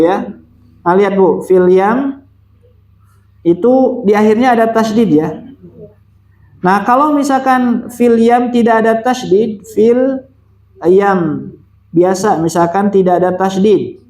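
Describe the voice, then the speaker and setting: A man's voice: high voice, darkish tone, reverberant, slight background noise. A man teaching Quran recitation, patiently repeating and demonstrating pronunciations for a student. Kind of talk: one-on-one recitation lesson.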